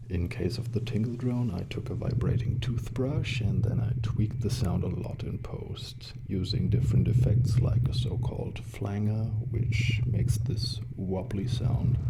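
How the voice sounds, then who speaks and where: A man chatting gently in a soft-spoken, hushed and breathy ASMR style, relaxed and close to the mic. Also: low-pitched, noisy background. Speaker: ASMR video creator. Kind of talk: soft-spoken ASMR chat, slipping into whispers. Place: small quiet rented studio room. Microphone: close shotgun condenser mics.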